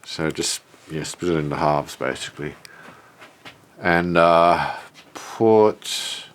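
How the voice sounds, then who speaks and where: Speaking slowly in a low-pitched voice, an Australian vlogger with a stuffed-up nose presents the shed he built himself. It's a casual, unscripted walk-through in which he thinks aloud, his voice nasal from the blockage.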